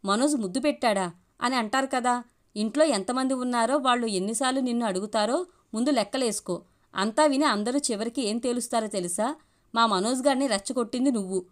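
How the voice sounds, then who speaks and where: A woman playing a cocky young man in a storybook reading, smug and teasing. He argues at length in a taunting, self-assured way, voiced fairly high. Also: fairly quick, lightly acted. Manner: taunting, smug, long argumentative speeches.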